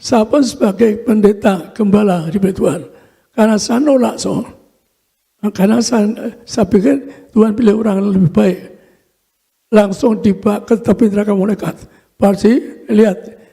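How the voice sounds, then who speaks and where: An older man, a pastor, giving a fervent sermon testimony in short halting phrases with a frequent "so". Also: high-pitched, steady tone, vocal fry, dark tone, breathy edge.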